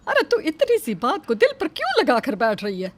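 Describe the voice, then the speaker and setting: A woman voicing a kind, protective middle-aged mother-in-law in an animated story, gently soothing and scolding. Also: high-pitched, moderate pace. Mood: consoling.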